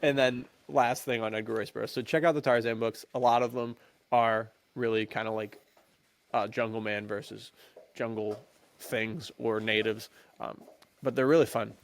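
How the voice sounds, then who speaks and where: A podcast co-host talks casually and with enthusiasm about adventure books and films, leaning on slang. His medium-pitched voice is steady in tone and moves at a moderate pace.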